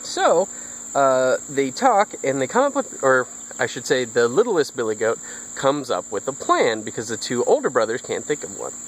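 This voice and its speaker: A man's voice: mid-range voice, very animated, moderate pace, slight background noise, poor audio. A man vlogging outdoors in a backyard, retelling a fairy tale in a rambling way with false starts. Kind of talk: casual storytelling vlog.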